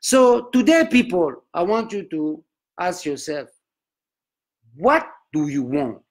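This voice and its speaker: A man doing a booming Nigerian prophet. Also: very animated, slow pace, exaggerated voice. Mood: preaching. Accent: Nigerian English. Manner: broken English, declaiming sermon. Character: pompous preaching male prophet, booming and solemn. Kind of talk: comic sermon.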